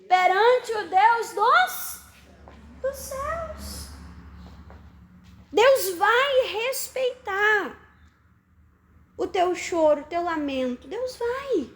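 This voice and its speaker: A woman preacher delivers a sermon in a strikingly high voice. She speaks slowly and emphatically, hammering phrases through repetition and putting questions to her listeners, her words ringing through an echoey church hall. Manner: emphatic, questions the congregation, repeats for stress. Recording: echoey room.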